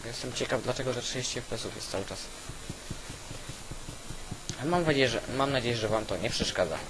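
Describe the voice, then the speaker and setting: A man giving casual, halting gameplay commentary, thinking aloud as host on an old weak microphone. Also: medium pitch. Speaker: gaming video host. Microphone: old cheap weak microphone. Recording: constant hiss from weak microphone.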